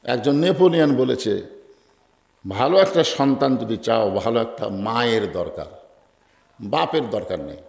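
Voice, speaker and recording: A male preacher with a Bangladeshi Bengali accent delivering an emotional sermon, telling a story and swinging between loud cries and hushed quoted lines. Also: medium pitch, lively intonation, unhurried, creaky, pauses often, roomy sound.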